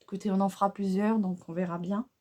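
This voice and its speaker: A beauty vlogger talks fast in a medium-pitched voice during a casual makeup tutorial aimed directly at her viewers. She's chatty, hesitant, and heavy on fillers, and she exclaims with excitement over the colors.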